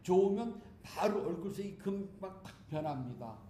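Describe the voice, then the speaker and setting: A male monk delivers a relaxed dharma talk in a warm, slightly higher-than-usual voice. He is chatty and joking and speaks straight to the congregation. The sound rings around a roomy temple hall over a faint hiss. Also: normal speed. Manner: chatty and humorous, speaking to listeners directly. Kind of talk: conversational sermon. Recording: echoey hall with faint background noise.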